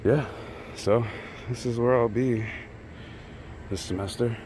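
Walking with a handheld camera, a man offers easygoing commentary as he tours a campus outdoors and a building with a rooftop greenhouse. He speaks slowly at a medium pitch, and background noise is audible.

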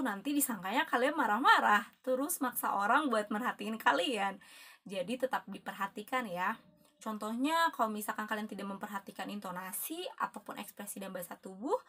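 Woman teacher from Indonesia, cheerful video lesson, bright clear tone, friendly and chatty with students. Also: mid-range voice. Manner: cheerful, addresses students as guys, shifts between Indonesian and English examples. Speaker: English teacher.

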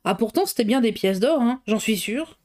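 A woman's voice: medium pitch, moderate pace, darkish tone, lightly acted. A woman voicing a flustered, chatty middle-aged cook who rambles colloquially. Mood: gossipy.

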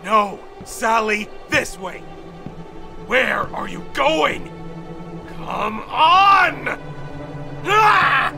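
A man's voice: extremely high pitch, lively intonation, drawn-out words, gravelly, long pauses, heavily acted. A man playing an arrogant, taunting hedgehog villain who calls himself the ultimate life form, in a fan audio drama. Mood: urgent, angry. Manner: taunting, contemptuous, theatrical delivery. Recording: voice under loud dramatic music. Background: loud dramatic music.

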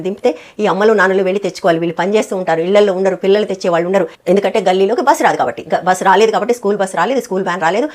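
A woman delivers impassioned commentary at a very fast clip. Her pitch sits in a middle register, and she presses her points with a stream of emphatic rhetorical questions. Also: a little mellow.

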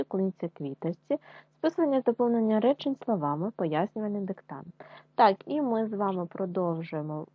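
A woman teacher with a Ukrainian accent giving an online lesson to first graders, reading words and syllables aloud slowly and clearly. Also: mid-range voice, no echo, lo-fi sound. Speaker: primary school teacher.

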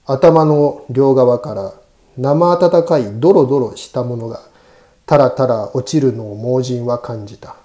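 Male narrator for horror audiobook: hushed, eerie, deliberate, mid-pitched with a very dark, soft-edged tone. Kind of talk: scripted ghost story narration.

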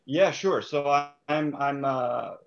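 A man's voice: mid-range voice, a little slow, gravelly. A man from Serbia in his thirties, a sport psychologist guest speaking thoughtfully with many fillers and restarts over a video call. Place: small room indoors. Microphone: video call webcam. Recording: dull lo-fi call audio.

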